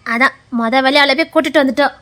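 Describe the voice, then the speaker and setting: A bossy, caring elder sister-in-law, played by a woman with a Tirunelveli accent in a web drama. Her voice sits very high and bright, and the lines come quickly. She scolds in a brisk but motherly way. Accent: Tirunelveli Tamil. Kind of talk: web series acting.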